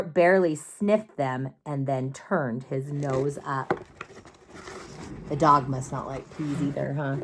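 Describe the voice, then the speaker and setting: A woman storyteller reading a rhyming children's picture book aloud with slow, expressive sing-song rhythm. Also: low voice, a little hiss or hum.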